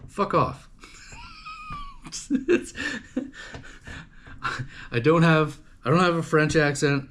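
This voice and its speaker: A man's voice: medium pitch, a little hiss or hum. A man from Canada casually chatting to his livestream viewers, rambling and swearing, with lots of fillers and restarts. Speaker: livestream host. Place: home livestream setup.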